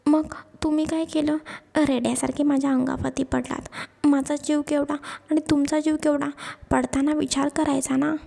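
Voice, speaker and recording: A woman's voice: level tone, normal speed, creaky, mellow. A woman voicing a hurt young woman who cries and complains in a childlike, pleading way. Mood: tearful complaint. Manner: tearful, whiny, high and pleading. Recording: long echo, hall-like reverb.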